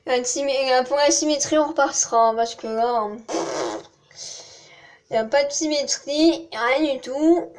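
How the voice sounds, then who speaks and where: A woman's voice: high voice, a little slow, long pauses. A young woman with a southern French accent chatting casually to her vlog audience, rambling and poking fun at herself. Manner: chatty, rambling, self-mocking with frequent laughs. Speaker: vlogger.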